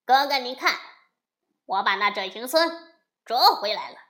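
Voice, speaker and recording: Cocky young male demon king, voiced by a woman: loud, taunting, animated delivery. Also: on the high side, moderate pace.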